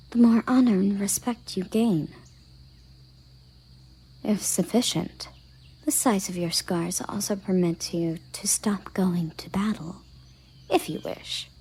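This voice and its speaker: The elven guard captain, proud and commanding, is played by a woman whose fairly low, slightly rough voice is heavily acted in this scripted audio drama. She speaks softly, often half-whispering, with formal and deliberate phrasing.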